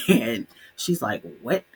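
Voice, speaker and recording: A young adult woman co-hosting a podcast, telling a story in a casual, animated way and doing the voices of her relatives. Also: rumbling low, moderate pace, gravelly, slightly rough. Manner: animated, voices quoted relatives, laughs often. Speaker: podcast co-host.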